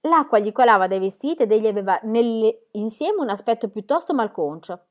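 A woman reading a children's book aloud in a measured, expressive storybook narration. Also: a little high.

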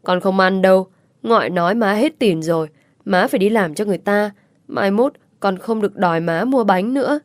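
A woman's voice: medium pitch, normal speed, no echo, clean studio sound, lightly acted. A woman voicing a small boy in an audiobook story, pleading and questioning his mother. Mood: sulky. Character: little boy, clingy and curious.

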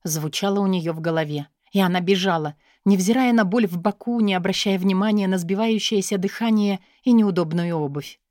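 A woman narrating an audiobook in an expressive, steady storytelling manner. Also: medium pitch, brisk, hardly any pauses, no room sound, studio quality. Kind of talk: scripted narration.

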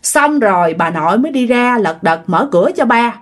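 A woman with a Southern Vietnamese accent tells a ghost story casually, chatting straight to her listeners. Her voice sits a little high and moves with a lively, animated lilt. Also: moderate pace. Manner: chatty, addresses listeners directly.

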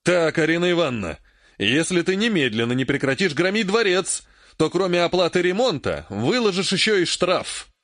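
A man reading an audiobook, voicing an emperor who speaks softly and in a measured way. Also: medium pitch, sing-song, dry recording, clean studio sound. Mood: stern irritated. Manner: soft, placating, measured. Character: calm, mild-mannered male emperor, later irritated.

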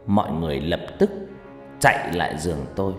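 Audiobook narrator, dramatic storytelling, lively pitch, roomy echo, soft music. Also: a little fast. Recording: echoey reverb with background music.

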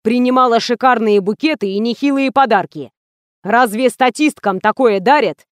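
Woman reading a contemptuous rich man, loud, slow and scolding. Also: a little high, expressive, no echo, studio quality, lightly acted. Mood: furious. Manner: loud, slow, scornful ranting.

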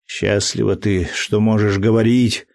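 A man reading an audiobook, voicing an earnest, emotional young man deeply in love in a fervent, slow delivery. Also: level tone, gravelly, a little mellow.

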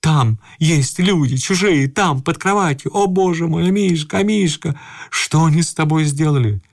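A man voicing a frightened young lady who screams in hysterics, with a shrill, wailing delivery. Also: normal speed, creaky. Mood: hysterical.

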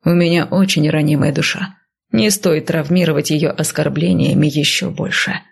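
A woman reading an audiobook, voicing a large, brash, teasing nobleman husband in a low, hushed tone. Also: steady tone, normal speed, vocal fry, breathy edge, heavily acted.

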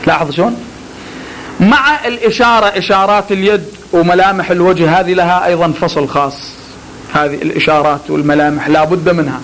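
A man's voice: high voice, a bit bright, a little hiss or hum, low-quality recording. A man teaching pulpit oratory in a classroom lecture, drawing out words to demonstrate delivery and talking to his students with joking asides.

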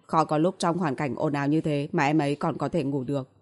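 A woman's voice: deep voice, steady tone, fairly quick, darkish tone, lightly acted. A woman voicing a blunt, protective young man who scolds curtly, in an audiobook reading. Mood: calm. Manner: curt and scolding.

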